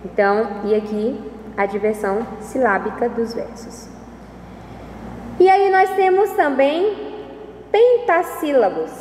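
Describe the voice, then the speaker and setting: A woman teacher giving a recorded lesson, talking slowly and carefully and spelling out syllables. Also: on the high side, dark tone, slight background noise. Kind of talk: recorded lesson on poetic meter. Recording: echoey room with long reverb and faint ambience.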